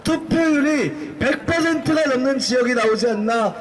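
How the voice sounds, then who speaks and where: A young man delivering a fiery political rally speech, forcefully throwing rhetorical questions at his listeners. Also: extremely high pitch, normal speed. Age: young adult. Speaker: youth group speaker at protest rally. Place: outdoor protest rally. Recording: noisy outdoor rally with crowd.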